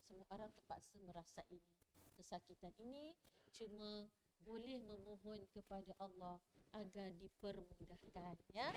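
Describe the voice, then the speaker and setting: A woman's voice: on the high side, darkish tone, clear, resonant tone. A middle-aged Malaysian woman giving a religious talk to a women's gathering, conversational, often checking in with her listeners. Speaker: religious teacher. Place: prayer hall.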